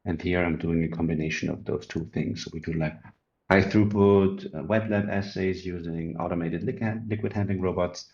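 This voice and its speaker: An Austrian man in his thirties, speaking German-accented English in a low, steady, slightly mellow voice at normal speed, earnestly introduces himself as an immunology group leader and explains his research, filling it with lots of ums and uhs. The recording sounds muffled.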